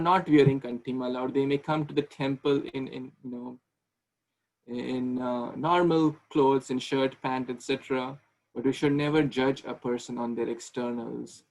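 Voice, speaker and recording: A man's voice: medium pitch, darkish tone, rough recording. A man in his thirties giving a conversational online devotional class over a video call, with frequent restarts. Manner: conversational, repeats and restarts words, asks questions. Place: small room indoors with ceiling fan. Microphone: video call webcam.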